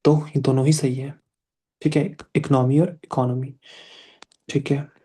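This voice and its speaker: A young man teaching English pronunciation in a live online class, patiently repeating words slowly to demonstrate the sounds. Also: mid-range voice, little pitch movement, dark tone, husky.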